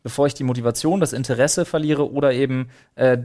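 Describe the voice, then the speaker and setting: A man co-hosting a casual podcast chat, talking fast and animated, with many words in quick bursts. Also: mid-range voice. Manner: fast, animated, laughs a lot. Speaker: podcast co-host.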